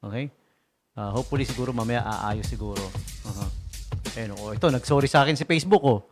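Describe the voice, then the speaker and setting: A man hosts a radio show from the station studio, talking casually and fast in a mid-range voice over background music. He jokes, laughs often and fires rhetorical questions at his listeners.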